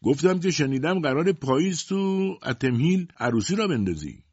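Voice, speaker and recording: A man's voice: medium pitch, big pitch swings, breathy edge, dry recording, lo-fi sound, voice pushed up. A man voicing a sly male shopkeeper who teases a customer in a raised, mocking voice. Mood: teasing.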